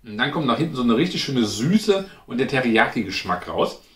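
A male host reviews snacks in a relaxed taste-test, thinking aloud indoors at home by a glass cabinet. His mid-range voice swings widely in pitch, runs a little fast, and has a fairly bright tone. The sound carries a roomy echo plus clear background noise.

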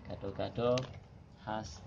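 A man's voice: on the low side, flat delivery, takes it slowly. A middle-aged man chatting casually to his phone as a vlogger, repeating phrases and exclaiming often. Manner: repeats phrases, many exclamations and religious thanks. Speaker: vlogger hosting a lunch video. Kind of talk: casual selfie vlog chat. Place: small indoor room. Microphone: phone at arm's length. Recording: muffled, noisy handheld phone recording.

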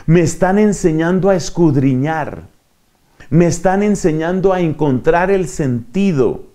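A man's voice: fairly high pitch, a little slow, dark tone. A man preaching a teaching sermon, explaining step by step with rhetorical questions and small acted-out dialogues. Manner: didactic, acts out little dialogues and asks rhetorical questions.

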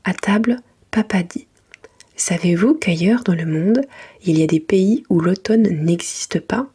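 A woman narrates a children's bedtime book in a very breathy, mostly whispered ASMR voice. Her pitch sits a little low. She reads gently and carefully, as if to young children. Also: measured pace. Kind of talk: soft whispered ASMR bedtime story reading.

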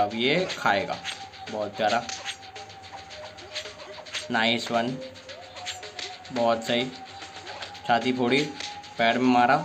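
A young man talks through a fighting game as he plays, with a sore throat and an excitable manner. He swings quickly from exasperated outbursts to quick praise for his own moves. His pitch sits in a middle range for a man, and faint game music plays behind him. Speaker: gameplay streamer. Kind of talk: live gameplay commentary.

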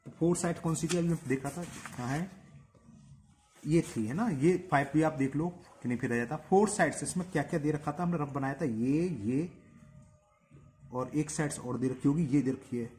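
A man teaching a maths lesson step by step. He dictates steps slowly while he writes and asks checking questions. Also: fairly high pitch, darkish tone, a little hiss or hum. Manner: stretches out dictated words. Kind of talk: step-by-step geometry lesson in Hindi with English terms.

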